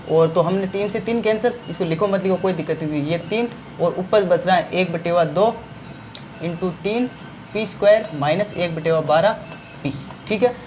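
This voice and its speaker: A man's voice: sits high, a little mellow, a little hiss or hum. A male maths teacher explains a school algebra problem step by step, asking questions and answering them himself. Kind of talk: blackboard maths lesson.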